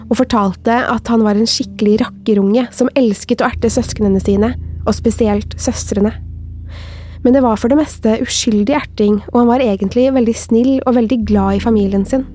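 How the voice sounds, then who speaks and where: A woman co-hosting a podcast, reading a listener's horror story aloud in a slow, measured way. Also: on the high side, dark tone. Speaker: podcast co-host.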